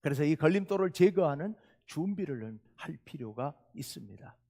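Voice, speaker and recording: A male pastor preaching a sermon, telling a story with loud outbursts and quiet asides. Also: on the high side, lively intonation, normal speed, vocal fry, in a large hall. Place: church sanctuary.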